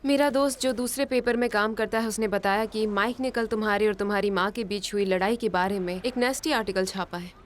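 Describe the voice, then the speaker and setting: A woman's voice: medium pitch, fairly even intonation, a little fast, few pauses, a little hiss or hum, natural voice. A woman dubbing a practical office friend who speaks in a matter-of-fact way. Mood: informative. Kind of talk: Hindi movie dub. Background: faint background music.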